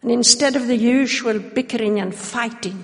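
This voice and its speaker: Female testimony speaker, measured and solemn, short phrases, echoing church hall. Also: fairly high pitch, a little hiss or hum. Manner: measured, solemn, pausing for translation. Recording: long reverb of a large hall.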